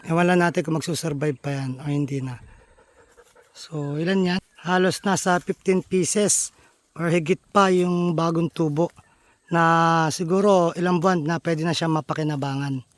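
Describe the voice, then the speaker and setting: Brief: male vlogger, high-pitched, chatty and friendly, walking-tour explainer outdoors, dry close sound. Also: steady tone, moderate pace, no room sound. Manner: friendly, chatty, addresses viewers as buddies. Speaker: vlogger host. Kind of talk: casual outdoor vlog explanation. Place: outdoors in a bamboo grove.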